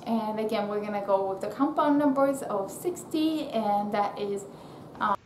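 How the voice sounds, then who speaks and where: A woman giving an informal counting lesson, halting and thinking aloud as she teaches. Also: medium pitch, a little mellow. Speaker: language teacher. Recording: echoey room with faint background noise.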